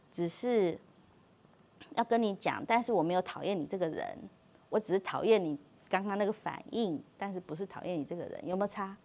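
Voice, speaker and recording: A middle-aged woman leads a parenting talk in a lively, animated way. She slips into quoted dialogue and laughs often. Her restarts and repeated words give the talk a warm, unscripted feel. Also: medium pitch. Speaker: parenting workshop speaker.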